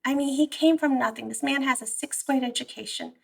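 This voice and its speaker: A woman's voice: high voice, brisk, vocal fry, distant mic, rough recording. A woman, born abroad and raised in California, speaking earnestly and emphatically as an interview guest, often restarting her sentences. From born in Iran, raised in the San Francisco Bay Area. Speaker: guest therapist. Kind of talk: conversational interview.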